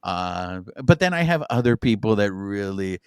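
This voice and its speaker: A native Spanish speaker in his forties co-hosts a podcast, trading lively, playful, hyped-up casual chat. His lowish voice is smooth and moderately paced, captured with studio quality and no room sound.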